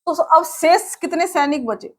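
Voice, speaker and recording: A young woman with a high voice teaches a classroom maths lesson. She walks through each step patiently. She often asks questions and answers them herself. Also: unhurried. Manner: explains step by step, checks with students, asks and answers her own questions.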